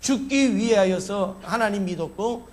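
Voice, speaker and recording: A man's voice: sits high, unhurried, a little mellow. A male pastor preaching a Sunday sermon, emphatic, asking the congregation questions and answering them himself.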